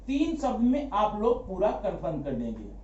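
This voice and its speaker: A man teaching a grammar lesson, asking quick rhetorical questions, answering them himself and repeating key words for emphasis. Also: high voice, huge pitch swings, dark tone. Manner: addresses students familiarly as brother. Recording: echoey room, dull lo-fi sound.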